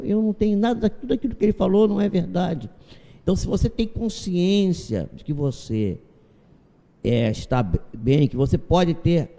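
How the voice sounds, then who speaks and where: A Brazilian man talks as a guest in a calm spiritual interview. His voice is very dark and gravelly. He tells stories and acts out their dialogue, with a long reverb trailing behind him. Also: on the high side. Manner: storytelling, acts out dialogue from anecdotes.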